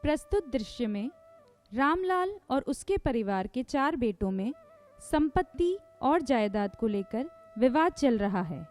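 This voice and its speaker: A woman narrating a school stage play in a calm, explanatory manner. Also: high-pitched, unhurried, over music.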